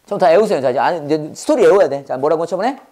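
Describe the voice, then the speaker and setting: A woman teaching English Bible verses, drilling listeners with quick rhetorical questions and mixing Korean explanation with English phrases in an emphatic, preacher-like way. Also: deep voice, lively intonation, dark tone. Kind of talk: call-and-response memorization lesson.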